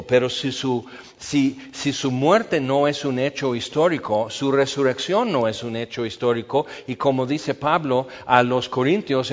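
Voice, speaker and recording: A man preaching an expository Bible sermon, teaching in a measured way and slowing down to stress his points. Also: medium pitch. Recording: long reverb, dull lo-fi sound.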